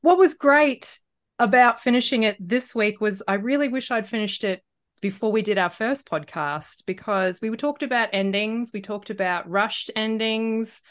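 A woman co-hosting a casual book podcast, chatty and quick to laugh, with hesitant fillers. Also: medium pitch, a bit bright. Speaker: podcast co-host.

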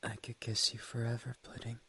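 A soft, intimate whisper right up against the mic, airy and almost voiceless, with small mouth clicks in the quiet gaps. The speaker stays on a flat, level line, affectionate and gently teasing, as in an ASMR roleplay of a doting partner. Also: mid-range voice, a little fast, gravelly, breathy edge.

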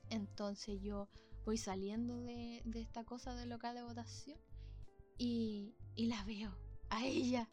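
A woman's voice: a little high, takes it slowly, music in the background. A young woman with a Chilean accent, hosting a casual chat and telling a playful, slang-filled story. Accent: Chilean Spanish. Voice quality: animated and playful, peppered with slang.

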